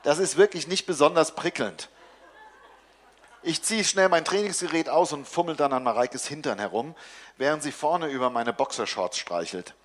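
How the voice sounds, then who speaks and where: Deadpan man reading a comic story. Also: a little high, moderate pace.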